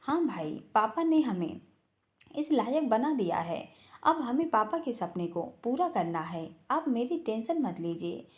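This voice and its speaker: A woman voicing a gentle younger sister who speaks in an earnest, reassuring way. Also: on the high side, sing-song, a little slow.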